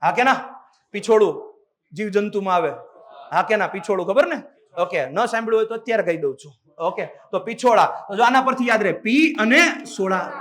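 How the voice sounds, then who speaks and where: In a brisk, high-pitched voice, a male teacher leads a spirited classroom lecture, drilling the class with call-and-response questions and repeatedly addressing the students directly.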